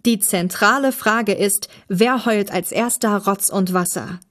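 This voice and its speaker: A woman voicing an excited young podcaster in a read-aloud story, speaking eagerly with a raised voice. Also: medium pitch, a little slow, breathy edge.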